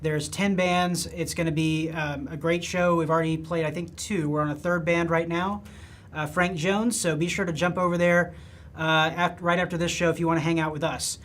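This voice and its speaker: A host of a live stream, announcing results and schedules in an upbeat, casual way with fillers. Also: male voice, fairly high pitch, flat delivery, moderate pace, a bit bright, slight background noise.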